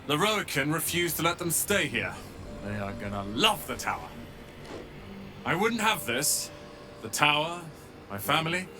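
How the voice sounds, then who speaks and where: A young man with a rather high voice plays an earnest, resolute wizard's apprentice with a wounded past in a dramatic video game. He speaks in a measured, emotional way.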